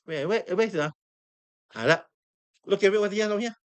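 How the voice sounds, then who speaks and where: Here a hoarse, high-pitched trading instructor with a Singaporean English accent talks fast through a live class. Losing his voice, he still repeats points frequently and keeps quizzing the room.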